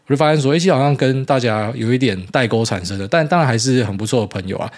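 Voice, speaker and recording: A man in his thirties with a Taiwanese Mandarin accent hosts a casual solo podcast, rambling bluntly and swearing mildly. His mid-range voice races along.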